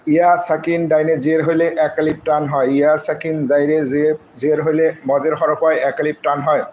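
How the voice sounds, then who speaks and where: A man teaching Quran recitation, spelling the Arabic syllable by syllable in a slow, drawn-out way and reciting short verse phrases. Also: fairly high pitch, slight background noise, rough recording. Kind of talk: spelling out and reciting Arabic letter by letter in a live class.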